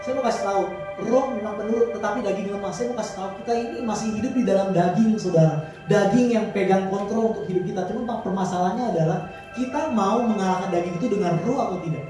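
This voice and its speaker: A man's voice: high voice, fast. A male pastor preaching a sermon in casual slang, building to fervent appeals. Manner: colloquial Jakarta-style slang, rising to fervent exhortation. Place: large church hall. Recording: echoey hall from far off, music behind.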